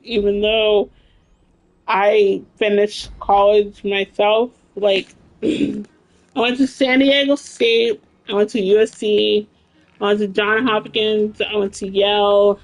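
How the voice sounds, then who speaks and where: A woman's voice: mid-range voice, level tone, slow pace, rough recording. A woman in her late thirties, a game streamer chatting casually with her live chat, blunt and laughing often, with plenty of swearing. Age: 30s.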